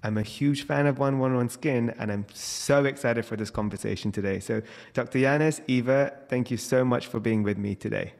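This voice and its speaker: A man's voice: mid-range voice, normal speed, creaky, darkish tone. A young man hosts a podcast into a mic on a stand, speaking with enthusiasm in a mid-range voice. A long reverb trails behind his words, as if he were in a large, hard room. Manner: enthusiastic, scripted introduction. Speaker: podcast host. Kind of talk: podcast interview hosting. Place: indoor room, video call. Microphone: studio mic on stand.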